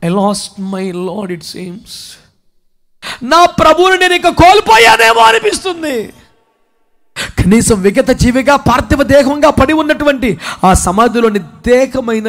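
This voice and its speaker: A man preaching in the voice of a grieving, repentant woman disciple, giving impassioned first-person testimony that rises to shouts. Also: extremely high pitch, moderate pace, voice pushed down.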